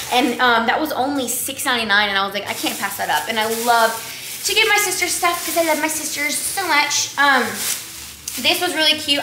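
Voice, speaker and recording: In an echoey home kitchen with clear background noise, a chatty, high-voiced young vlogger from Texas gives a casual haul talk to camera. She rambles and leans heavily on "like" and "um," and the camera sits on the counter at a distance.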